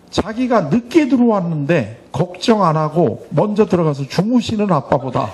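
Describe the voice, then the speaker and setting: A middle-aged man teaching an adult church class, acting out short family dialogues with humor. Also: high voice. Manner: animated, acts out dialogue with humor. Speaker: church Bible school teacher. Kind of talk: lively lecture to an adult class.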